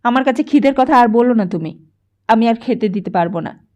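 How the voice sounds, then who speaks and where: Audiobook voice: a bitter nagging poor mother, higher voice, sharp scolding tone, voiced by a woman narrator, dull lo-fi sound. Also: lively intonation, unhurried. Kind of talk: audiobook character voice. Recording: dull lo-fi recording.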